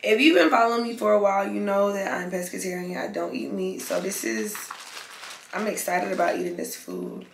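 Over faint background noise in an echoey room, a young woman vlogger chats casually to camera during a mukbang. Her mid-range, gravelly voice is fairly quick with lively intonation, and her talk is loose, slangy and sweary, with chewing between lines.

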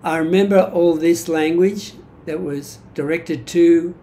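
This elderly vlogger, Greek by birth but raised in Australia and now in his 70s, gives a reflective monologue from notes about his personal history. His Australian-accented voice is fairly high, mellow and soft-edged, and he talks haltingly with frequent self-corrections. Some background noise is present in his small room at home.

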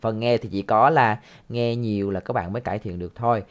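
A man's voice: on the low side, a little fast. Male teacher, patient and repetitive, walks students through listening drills. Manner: patient, repeats phrases, ends sentences with soft tag words. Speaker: English teacher. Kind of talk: explaining a listening lesson.

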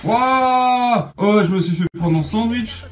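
A man giving excitable gameplay commentary, swearing and yelling at opponents as he plays. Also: sits high, takes it slowly, recorded from a distance. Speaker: gamer. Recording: echoey room, voice off-mic, music underneath.

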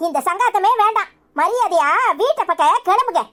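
A woman's voice: very high-pitched, animated, fairly quick, a bit bright. A woman playing a scornful village older sister. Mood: scolding. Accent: Kanyakumari Tamil. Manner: scornful, scolding, mocking. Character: scolding older village sister, sharp-tongued. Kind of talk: village comedy serial acting.

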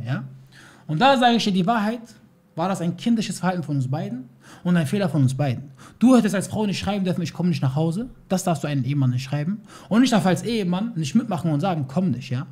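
Fast-talking husky man ranting. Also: high voice, darkish tone. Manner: agitated, swears oaths, mixes in Turkish phrases. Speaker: YouTuber responding to a video. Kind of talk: heated personal vlog rant.

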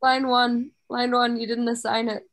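A woman's voice: on the high side, a little hiss or hum, low-quality recording. A woman in a book club on a video call who chats eagerly and jumps in to help spot coding mistakes. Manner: chatty, quick to help, animated. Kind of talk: casual chat on a video call.

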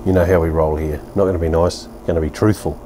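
A man's voice: low voice, fairly even intonation, quick pace, warm tone, a little hiss or hum. A man in his fifties with a New Zealand accent, casually reviewing a beer at his outdoor home bar in a blunt, rambling way. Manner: laid-back, blunt, rambling with fillers and mild swearing.

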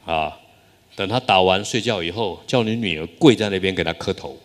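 A man voicing a wise, kindly old monk in a story, explaining patiently and gently. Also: low-pitched, a little fast, natural voice. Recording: long hall reverb.

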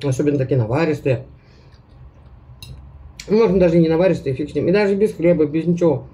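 A woman's voice: sits low, quick pace, dark tone. A woman food vlogger chatting casually to her viewers with her mouth full, chewing as she talks. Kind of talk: casual mukbang chat to viewers.

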